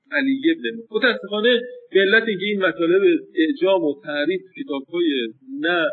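A man's voice: on the high side, slightly rough. A man teaching a lesson on names and their pronunciation, thinking aloud with hesitations and restarts. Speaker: seminary teacher. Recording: distant, phone-like lo-fi recording.

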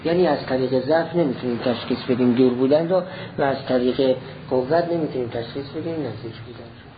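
A man teaching a classical philosophy text in a slow, deliberate lecture, repeating each point step by step. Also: medium pitch, highs cut off, a little hiss or hum.

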